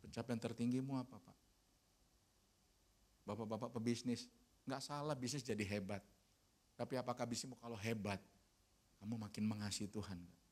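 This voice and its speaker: A man preaching a sermon as pastor, telling a personal story in an animated way that grows loud and emphatic. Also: mid-range voice, normal speed, pauses often, breathy edge.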